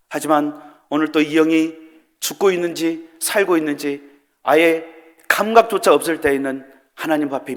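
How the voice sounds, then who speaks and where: A man preaching in a church sanctuary with a high voice, throwing question after question at his listeners. He swings from loud, pleading cries down to hushed murmurs. His words ring out with a long hall reverb. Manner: rhetorical questions to the congregation. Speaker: pastor. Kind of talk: sermon.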